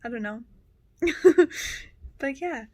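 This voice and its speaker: A young woman vlogging to camera in a relaxed, tired, mellow way. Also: high voice, slow pace. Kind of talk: casual vlog talk to camera.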